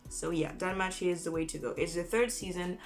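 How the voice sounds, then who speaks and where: A woman chatting casually as an anime vlogger through a face mask, informal and halting, often correcting herself as she goes. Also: fairly low pitch, fairly even intonation, faint music behind. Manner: informal, halting, self-correcting with false starts. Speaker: anime review vlogger and host. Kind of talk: casual chat to camera, listing recommendations.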